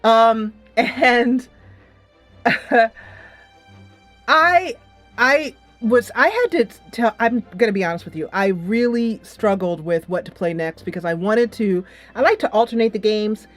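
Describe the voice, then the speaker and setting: A woman who hosts a gaming channel talks in a slightly high voice at a measured pace, with music playing behind her. She chats casually and rambles a bit, throwing in some dramatic rhetorical flourishes while reviewing a game and discussing an upcoming series.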